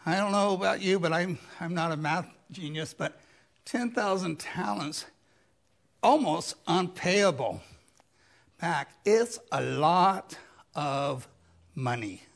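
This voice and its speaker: A man preaching a sermon as a pastor, slow and emphatic, with dramatic rises in his voice. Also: fairly high pitch, expressive, gravelly.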